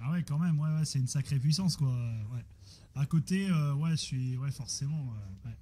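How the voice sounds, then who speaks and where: Here a man with a highish voice speaks at an ordinary speed, making relaxed ham radio conversation that drifts into fixing technical problems. His delivery is halting and repetitive, and the signal crackles with static and noise.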